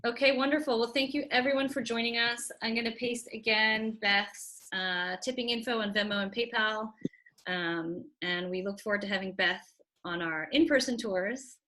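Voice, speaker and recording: A woman's voice: on the high side, moderate pace, bright, forceful tone. A woman hosting an online talk over a video call, chatty and upbeat, announcing events and reading out audience comments. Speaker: webinar host.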